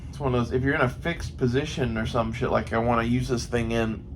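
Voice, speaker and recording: A man with a creaky, gravelly American voice at a medium pitch talks off the cuff. He thinks aloud in a loose, profane ramble. Faint noise sits behind the recording. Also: steady tone, fast, low-quality recording. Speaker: gun hobbyist vlogger. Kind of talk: casual rambling monologue. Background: faint ambient noise.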